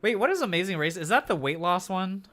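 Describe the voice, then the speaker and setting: A man's voice: sits high, lively intonation, fast, fairly bright tone, faint music behind. Rambling male streamer, sore throat. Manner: rambling, filler-heavy, frequent restarts. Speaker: livestreamer. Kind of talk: casual chat reacting to viewers.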